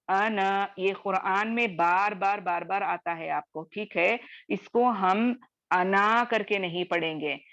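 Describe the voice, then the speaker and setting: A woman teaching Quran recitation. She explains patiently and repeats herself, often checking in with "theek hai". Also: medium pitch. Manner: patient, repetitive, ends phrases with "theek hai". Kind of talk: online class explanation. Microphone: video call. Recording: dull lo-fi video call audio.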